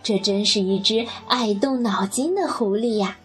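A woman gently reading a children's story aloud and speaking to the child listener. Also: medium pitch, moderate pace, husky, faint music behind.

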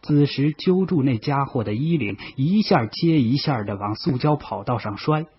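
A man calmly narrating a novel in the first person. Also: mid-range voice, slight background noise. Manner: calm, measured storytelling. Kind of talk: audiobook narration. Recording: dull lo-fi audio.

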